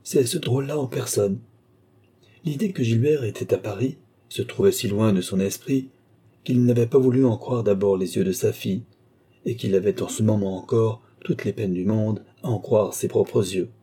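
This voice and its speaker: A man narrating an audiobook in a steady, measured reading. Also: on the low side, breathy edge.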